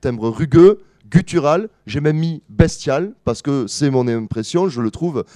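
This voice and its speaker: A male lecturer presenting his analysis to an audience, his pitch rising and falling with a lot of movement. His tone is warm and mellow, and the recording is dry and close. He explains patiently, stopping now and then to correct himself. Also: animated, no room sound. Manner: explanatory, pauses with fillers and self-corrections. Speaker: musicology lecturer. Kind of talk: academic presentation to a live audience.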